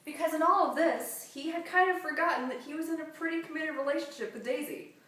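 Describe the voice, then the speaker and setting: Fast-talking and forceful, a woman with a high, bright voice improvises a rambling comic story peppered with offhand asides. The sound is echoey and distant, with faint noise.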